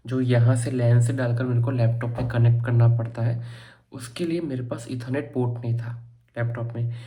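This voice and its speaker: A young man from India giving a chatty, joking tour of his student room in a casual vlog, talking fast. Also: medium pitch, mellow. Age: young adult. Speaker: vlogger.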